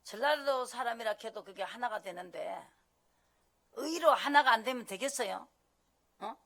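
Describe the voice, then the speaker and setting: A woman pastor delivers a sermon in a forceful, sharp-edged voice with a gravelly texture. She preaches emphatically, asking her listeners question after question. Her loudness swings between strong bursts and quieter asides. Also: on the high side, lively intonation, normal speed. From Gyeongsang region of Korea.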